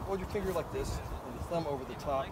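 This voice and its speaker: A man's voice: fairly high pitch, fast, very noisy. Practical man teaching beekeeping outdoors. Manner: practical, instructive, frequent "okay?" checks. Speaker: beekeeping instructor. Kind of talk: hands-on outdoor demonstration. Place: outdoor apiary by a road.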